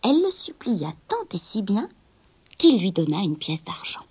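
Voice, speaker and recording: Husky animated woman storyteller. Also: mid-range voice, normal speed. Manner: animated, whispery in hushed moments. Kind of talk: expressive storybook narration.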